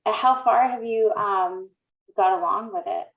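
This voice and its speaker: A woman's voice: medium pitch, a little slow, echoey room, phone-quality sound. A woman hosting a session, chatting casually on a video call and asking friendly questions. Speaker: session host.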